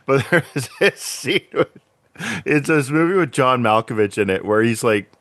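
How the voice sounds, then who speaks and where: A man hosting a podcast who jokes along and recaps an episode's plot in a relaxed, casual way. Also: mid-range voice, moderate pace, no room sound. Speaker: podcast host. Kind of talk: casual chat.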